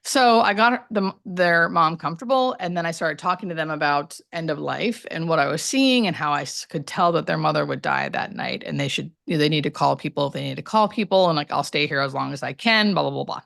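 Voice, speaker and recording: A woman's voice: low voice, expressive, brisk, creaky, few pauses, a bit bright. A woman talking casually and candidly as a hospice nurse being interviewed, telling personal stories in a rambling way with emphatic asides.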